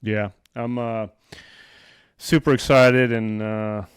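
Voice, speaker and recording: A man hosting a casual sports chat, talking like an excitable fan. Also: mid-range voice, takes it slowly, clean tone, no room sound, studio quality. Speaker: podcast host.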